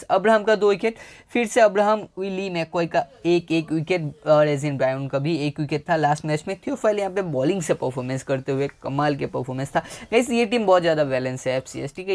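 In a fairly high, slightly mellow voice, a man chats casually to viewers, analysing fantasy cricket teams and giving advice. He uses lots of fillers, and the recording is from a home mic.

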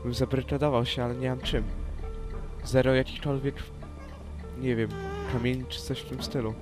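A man's voice: mid-range voice, little pitch movement, normal speed, lightly acted. A man playing a nervous, loyal young hermit exploring in a Minecraft role-play, talking to himself as he goes. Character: young male hermit adventurer, anxious but loyal. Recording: loud game music behind.

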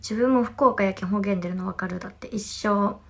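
A young idol in her twenties from Fukuoka, Japan, chats casually with fans on a phone livestream while reading their comments, her Hakata accent clear in a mid-range, fairly quick voice with vocal fry. She's chatty, reacts to what fans write, and sometimes drifts into soft whispers.

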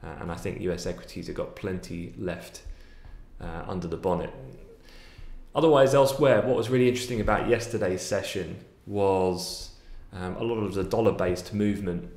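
A man's voice: low-pitched, moderate pace, a little mellow, echoey room. A man, giving fluent, analytical daily market commentary with frequent fillers from a small home office, recorded on a webcam at his desk.

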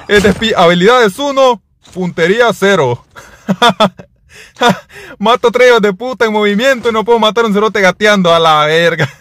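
A young man giving live gameplay commentary, excitable and full of profane slangy banter aimed at his viewers. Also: high-pitched. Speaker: gaming streamer.

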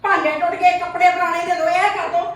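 A woman's voice: very high-pitched, steady tone, quick pace, a bit bright. An actress playing a scornful rich woman who taunts her maid's daughter with mocking laughter. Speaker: actor in a short family drama. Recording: echoey room, voice from a distance.

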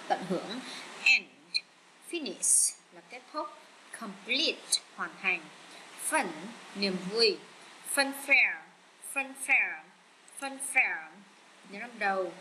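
A woman with a Vietnamese accent teaching English vocabulary, repeating each word slowly with many fillers. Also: mid-range voice, pushed and bright, a little hiss or hum, poor audio. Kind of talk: slow bilingual vocabulary lesson.

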